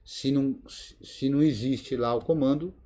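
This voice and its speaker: A man's voice: medium pitch, fairly even intonation, normal speed, warm tone. A man with a Brazilian Portuguese accent teaching a live Linux lab over a video call, thinking aloud with many fillers. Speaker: Linux course instructor. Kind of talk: live screen-share tutorial. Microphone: video call mic.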